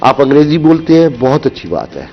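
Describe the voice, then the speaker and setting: A man with a Pakistani Urdu accent, explaining things in a measured way as a guest on a morning show, often repeating his key phrases. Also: medium pitch, very animated, lo-fi sound, faint music behind. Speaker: radio broadcaster guest.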